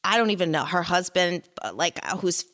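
A woman co-hosting a podcast in casual chat, talking emphatically and excitably, with heavy swearing. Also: on the low side, brisk. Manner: emphatic, heavily profane, excitable. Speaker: podcast co-host.

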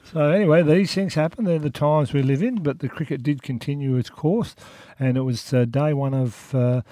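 A man with an Australian accent reports local sport in a soft, mellow voice. He talks colloquially, as in a chatty radio round-up, and the sound is close and dry. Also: a little high, moderate pace, no room sound. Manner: colloquial, jokey nicknames and slang.

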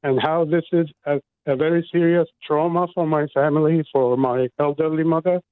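A man's voice: on the high side, steady tone, normal speed, smooth, no echo. A man from Iraq, a guest on a radio interview, speaking earnestly and indignantly about his home. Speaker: guest, resident. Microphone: phone. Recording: dry tinny phone line.

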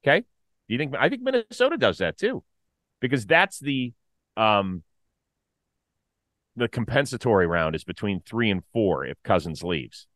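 A middle-aged man co-hosting a casual sports talk show, animated and opinionated, full of quick asides. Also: on the low side, dry recording. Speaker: podcast co-host.

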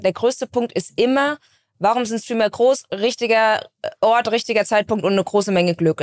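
A young woman from Bavaria chats as a podcast guest, easygoing and candid, often laughing. Her voice sits at a middle pitch. The recording is close and dry. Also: dry recording. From Bavaria, Germany. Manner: candid, laughs easily, relaxed storytelling. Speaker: streamer guest. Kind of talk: casual podcast chat.

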